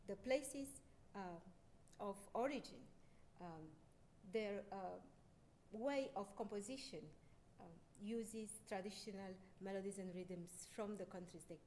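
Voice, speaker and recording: A middle-aged woman from Romania, a concert pianist, giving a lecture with frequent fillers and restarts. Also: darkish tone. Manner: hesitant, many fillers and restarts. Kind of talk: lecture presentation. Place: lecture hall. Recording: faint background noise and rumble.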